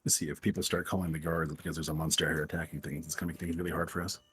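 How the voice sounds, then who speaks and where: Deep, husky, fast-talking man. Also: little pitch movement, a bit bright. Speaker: tabletop game player. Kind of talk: casual in-game chat.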